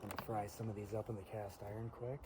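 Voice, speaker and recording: Excitable man vlogging outdoors in the pines. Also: on the low side, fast. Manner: excitable, keeps dropping to an eager whisper. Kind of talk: casual camping vlog to camera. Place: outdoors in a pine forest by his truck. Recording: loud outdoor noise, clicks.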